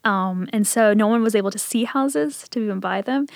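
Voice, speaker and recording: Here she has a creaky, mid-range voice at an ordinary pace, recorded in a clean studio with no echo. The guest is a woman in her thirties from Appalachian southern Ohio, later Richmond, Virginia, casually recounting her own stories in an interview.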